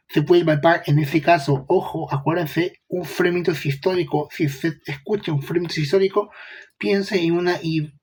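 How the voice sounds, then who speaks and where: Young man, casual medical lecture, husky voice, rhetorical questions. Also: fairly high pitch, darkish tone. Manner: chatty, asks rhetorical questions, slangy asides.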